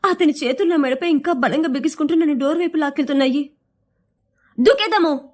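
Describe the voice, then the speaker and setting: High-voiced woman reading a tense tale. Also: racing. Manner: expressive, tense first-person narration. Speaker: audio story narrator. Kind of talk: dramatic storytelling reading.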